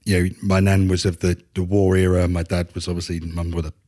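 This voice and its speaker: Essex bloke in his 40s, low voice, pretty flat delivery, chatty guest on a podcast, says you know a lot. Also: a little fast. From Essex, England. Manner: conversational, peppered with "you know". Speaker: podcast guest, chef consultant. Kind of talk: casual interview chat.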